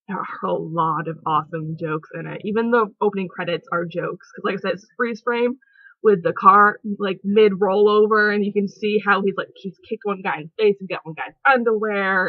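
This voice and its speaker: A young woman with a mid-range voice rambles and giggles through a casual movie review on her vlog, leaning on plenty of fillers. The home recording is dull and lo-fi with no echo.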